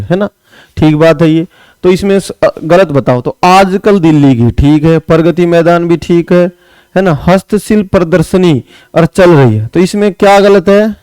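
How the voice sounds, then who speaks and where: High, clear-voiced man teaching Hindi. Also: normal speed, darkish tone, no room sound. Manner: explains step by step, often asks "है ना"; writes on a board while talking. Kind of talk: exam-prep lesson.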